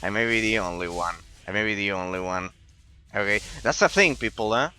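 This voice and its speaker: Casting: male game streamer, late 20s, Argentine accent, bright forceful voice, rambling casual delivery. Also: fairly low pitch, a little fast, clear, resonant tone, soft background music. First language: Spanish. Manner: rambling, repeats phrases for emphasis. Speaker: live streamer. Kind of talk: casual chat to viewers during gameplay.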